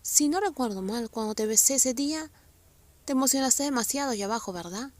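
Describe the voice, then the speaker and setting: A woman voicing a bold, lovesick young man in a read-aloud story, speaking low and insistently. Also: lively intonation, fairly quick, a little mellow, no echo.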